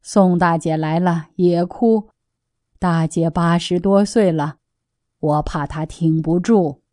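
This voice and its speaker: A woman reading the part of an elderly female lay Buddhist, retelling events in a slow, plain, homely way. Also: lowish voice, fairly even intonation, warm tone, dry recording, clean studio sound.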